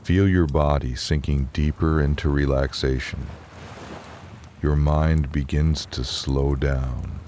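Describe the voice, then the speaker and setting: Very deep, slow, soothing male bedtime narrator. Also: slight background noise. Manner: soothing, calm, unhurried. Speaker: relaxation narrator and storyteller. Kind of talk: slow guided relaxation and bedtime story narration.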